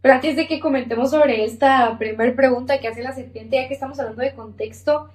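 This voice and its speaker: A woman with a somewhat high voice co-hosts a Bible study conversation. She asks follow-up questions and keeps the discussion moving. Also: steady tone, brisk, darkish tone, poor audio. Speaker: podcast co-host.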